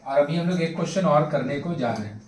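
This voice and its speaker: A man's voice: fairly high pitch, lively intonation, quick pace, a little mellow, far from the mic, slight background noise. A young man teaching math to a class, coaxing and drilling his students with lots of repetition. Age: young adult. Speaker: tutor. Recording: echoey classroom.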